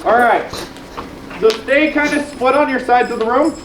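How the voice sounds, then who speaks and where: Panel host, teasing and playful, mid pitch, echoey hall, faint background hiss. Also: moderate pace. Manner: playful, teasing, calls out to people on stage. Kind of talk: convention panel talk to a live audience. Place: convention panel room. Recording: echoey room, faint noise.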